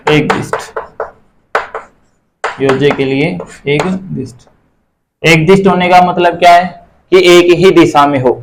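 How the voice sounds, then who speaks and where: A man's voice: a little high, slight background noise, low-quality recording. A man teaching a math class, asking and answering his own questions and repeating the key terms.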